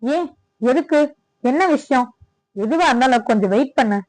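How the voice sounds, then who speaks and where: A gruff, dismissive middle-aged father, read by a woman storyteller. He speaks in short, curt bursts. The sound is dry and close to the microphone. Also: high-pitched, animated, moderate pace, a little mellow, no room sound, low-quality recording. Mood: impatient.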